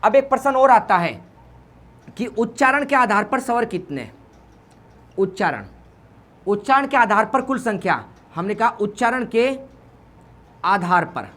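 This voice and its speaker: A man's voice: high-pitched, fairly bright tone. A man with an Uttarakhand Hindi accent teaching Hindi grammar for exams, repeating points and asking questions he answers himself. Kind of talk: exam-prep lesson.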